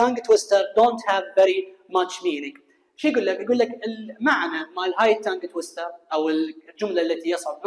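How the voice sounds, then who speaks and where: Male teacher, echoey room. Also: high voice. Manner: explains in Arabic, reading English phrases slowly. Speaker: English teacher. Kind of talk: recorded classroom lesson explanation. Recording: long reverberant room echo.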